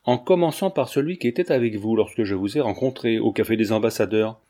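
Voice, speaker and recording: A man voicing a sharp-tongued proud countess. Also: on the low side, fast, close to an everyday voice. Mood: demanding. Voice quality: curt, demanding.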